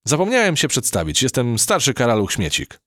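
A man's voice: medium pitch, wildly swooping pitch, brisk, a bit bright, dry recording, pitched above the performer's own voice. Brief: man doing a dutiful little cockroach private, friendly and earnest, dry studio sound. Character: earnest young male cockroach soldier.

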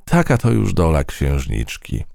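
A conceited butterfly princess from a children's story, drawling each word slowly and grandly, as a man puts her on. Her voice rises a little and swoops with lofty self-regard. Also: a bass voice, wildly swooping pitch, creaky, a little mellow, no echo, clean studio sound, exaggerated voice. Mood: haughty. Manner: slow, drawn-out and pompous. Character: vain butterfly princess, female, haughty and self-admiring.

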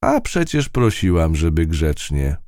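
A man's voice: low voice, wildly swooping pitch, measured pace, a little mellow, no echo, clean studio sound, voice pushed up, full character voice. A man voicing a tough, one-eyed female field mouse in a storybook reading, brash and scolding. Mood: bossy, mocking.

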